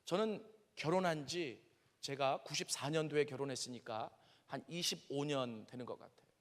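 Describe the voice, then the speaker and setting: A Korean pastor in his fifties from Seoul preaches in an animated, conversational way, telling personal stories and speaking straight to his audience. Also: on the high side, normal speed. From Seoul, South Korea. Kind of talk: sermon lecture with personal stories. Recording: long reverb of a large hall.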